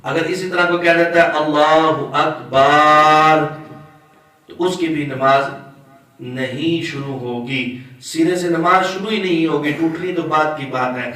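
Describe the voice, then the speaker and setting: A man's voice: on the high side, a bit bright, very echoey, recorded from a distance, rough recording. A man teaching the rules of prayer as an Islamic scholar, explaining step by step and drawing out words to demonstrate them. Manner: explains slowly, draws out words when demonstrating; asks listeners questions. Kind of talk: religious lesson on prayer rules.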